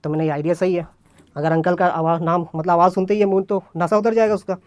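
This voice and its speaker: A man's voice: sits high, quick pace, no echo. A young man at an open mic stage, telling a comic story and acting out his friends' voices as he goes. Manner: acts out friends' voices in a lively retelling. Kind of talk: stand-up storytelling.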